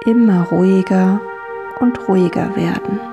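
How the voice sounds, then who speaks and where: A woman guiding children through a relaxing dream journey, speaking calmly and soothingly with gentle repetition. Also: mid-range voice, vocal fry, muffled recording. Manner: slow, calm, soothing and repetitive. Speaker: guided relaxation guide for children. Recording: soft music bed. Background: soft music.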